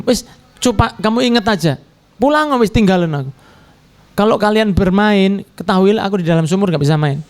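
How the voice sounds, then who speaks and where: A man delivers a storytelling sermon. He slips into the characters' voices, and his pitch jumps up and down as he does. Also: darkish tone. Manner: acts out characters' lines with shifting pitch. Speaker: preacher.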